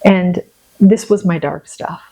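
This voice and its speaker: Gravelly, dark-voiced woman telling a story. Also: lowish voice, takes it slowly, poor audio. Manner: animated storytelling, acts out her own prayers. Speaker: podcast guest. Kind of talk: casual faith conversation.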